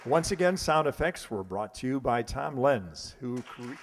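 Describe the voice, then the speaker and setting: An American stage announcer delivers live curtain-call cast introductions at a measured pace, his mid-range voice swinging widely in pitch. He's formal, with an occasional stumble and self-correction. The hall is echoey, with a faint crowd, audience noise and clicks.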